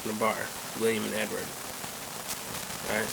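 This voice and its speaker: A man's voice: lowish voice, moderate pace, creaky. Giggly young man cracking jokes. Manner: loose, giggly joke-teller. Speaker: podcast co-host. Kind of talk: casual comedy podcast chat. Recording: steady rain noise behind.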